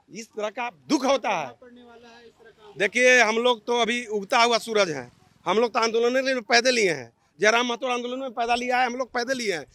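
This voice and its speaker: A man's voice: very high-pitched, sharp tone, no echo. A man, a party office-bearer speaking to reporters at a street protest, firing off repeated accusing questions.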